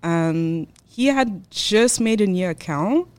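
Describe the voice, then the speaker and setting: A woman's voice: mid-range voice, lively intonation, slow pace. A woman in her twenties, from Switzerland, talking bluntly and outspokenly as a podcast guest, with lots of "like". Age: 20s. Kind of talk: casual chat.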